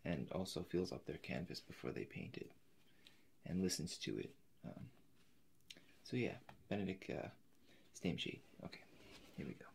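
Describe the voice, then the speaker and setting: A man in his twenties with a very low, creaky voice and big swings in pitch plays an eccentric painter in a soft-spoken ASMR roleplay. He speaks hesitantly and haltingly, sometimes slipping into a whisper, indoors in front of a forest backdrop, with clear noise behind him.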